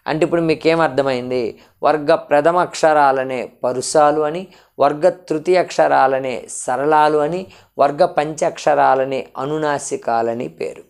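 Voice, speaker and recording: A man's voice: fairly high pitch, measured pace, gravelly, clean tone. A man teaching an exam-prep grammar lesson, asking questions and answering them himself while drilling lists of letters. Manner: drills lists with shifting pace.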